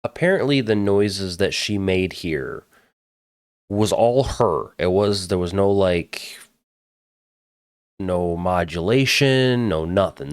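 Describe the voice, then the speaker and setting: Low-pitched and smooth, this podcast host's voice carries no echo as he gives a casual, blunt reaction to a movie trailer, dropping the occasional swear word.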